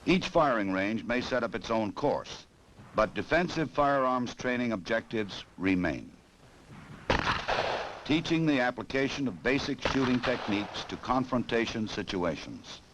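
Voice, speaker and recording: On the soundtrack of an old 1960s instructional film, an American man narrates with formal, measured authority. His mid-range voice is animated, set against a noisy background.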